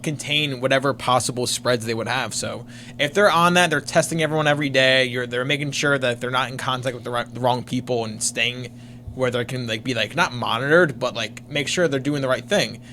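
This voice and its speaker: A man's voice: medium pitch, brisk, sharp tone, slight background noise. Rambling man in sports chat. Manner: rambling, lots of "like". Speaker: podcast co-host.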